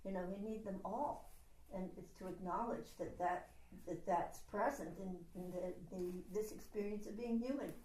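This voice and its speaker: A woman's voice: mid-range voice, moderate pace, mellow, a little hiss or hum. Woman speaking from across an echoey room. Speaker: retreat participant. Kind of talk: group discussion. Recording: echoey room, mic far off.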